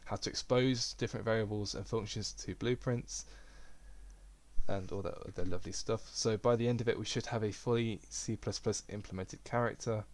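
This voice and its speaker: A young man giving a relaxed, rambling software tutorial at his computer. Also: lowish voice. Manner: relaxed, rambling, self-deprecating. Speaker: game development tutor. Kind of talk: casual screen-recorded tutorial.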